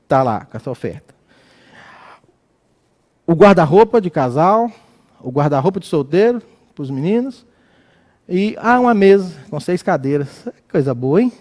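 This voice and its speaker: A man's voice: sits high, a little mellow. A man preaching a sermon as pastor, telling a personal story in an anecdotal way and building to emphatic exhortation.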